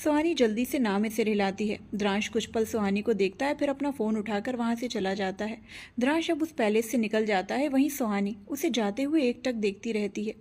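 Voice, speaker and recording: A woman narrating a romance audio serial in a steady storytelling manner, voicing every character herself. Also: fairly high pitch, fairly quick.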